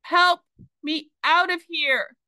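A woman reading aloud, voicing a desperate young girl trapped in a capsized boat, calling out in a high, strained voice. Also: takes it slowly, pushed and bright, dry recording.

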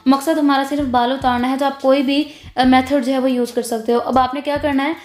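A Pakistani beautician with a high voice narrates an eyebrow-threading tutorial, speaking a little fast with little pitch movement. She's instructive, mixes in English words, and keeps repeating "jo hai." The room sounds echoey.

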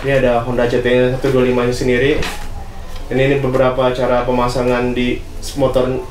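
A man's voice: mid-range voice, monotone, brisk, slight background noise. A young man casually reviewing a camping bag in a small gear-filled room, chatty with lots of fillers and tag questions. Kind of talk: casual product unboxing. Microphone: camera on tripod, seated. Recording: echoey room with faint music.

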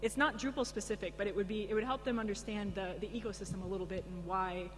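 A woman's voice: mid-range voice, fairly even intonation, quick pace. A woman speaking informally on a conference panel in a large, echoing room, answering questions conversationally. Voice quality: echoey. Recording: echoey hall, humming background noise.

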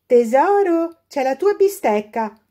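A woman's voice: high-pitched, sing-song, slow pace, mellow, pitched above the performer's own voice, heavily acted. A woman voicing a doting grandmother who coaxes her granddaughter in a storybook. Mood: coaxing. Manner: coaxing, affectionate.

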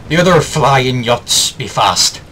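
A man hamming up a bright-toned pirate sailor. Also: mid-range voice, lively intonation, slight background noise. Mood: hammy pirate. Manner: hammy pirate talk, drops it quickly. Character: mock pirate sailor, playful adult man. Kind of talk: gaming chatter.

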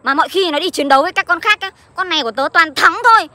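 A woman's voice: extremely high pitch, rapid-fire, pushed and bright, no room sound. A woman presenting toys to viewers in a chatty, show-off playful manner. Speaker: young toy-show presenter. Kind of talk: playful toy play chat.

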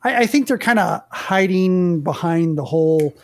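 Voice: medium pitch, lively intonation, moderate pace, darkish tone. A podcast co-host chatting casually, stepping in to correct and explain technical details. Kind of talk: casual tech chat.

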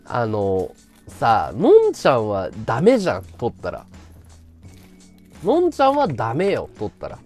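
A man live-streaming a casual chat, blunt and ranting, swinging from loud outbursts to low mutters. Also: huge pitch swings, a little slow, soft background music.

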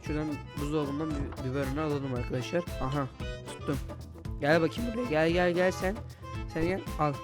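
A man's voice: fairly high pitch, a little fast. A young man doing jokey horror game commentary, swearing casually and talking to the game baby and his viewers. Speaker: gaming YouTuber. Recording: music playing underneath.

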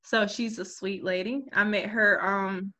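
A woman in her thirties hosting a podcast over a video call from a small home room, chatty and quick to laugh. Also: medium pitch, steady tone. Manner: warm, chatty, laughs often. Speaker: podcast host. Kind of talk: casual interview on a video call.

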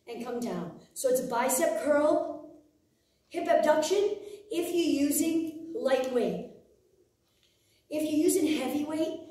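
A middle-aged woman speaks as an aerobics instructor, in a high, soft-edged mellow voice. She gives short, encouraging exercise cues and counts. The sound is distant, picked up across a very echoey studio. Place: large indoor exercise studio with hard floor. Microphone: far camera. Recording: roomy echo, distant camera mic.

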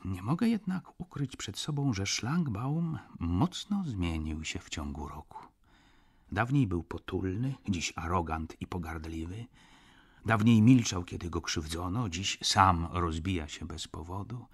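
A male audiobook narrator with a low, husky voice. He reads a first-person account in a measured, reflective way. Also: animated. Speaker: audiobook reader.

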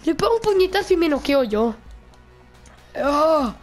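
A woman giving casual, excitable commentary over her own gameplay, exclaiming and laughing at the game. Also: high voice, measured pace, soft background music. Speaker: gaming YouTuber.

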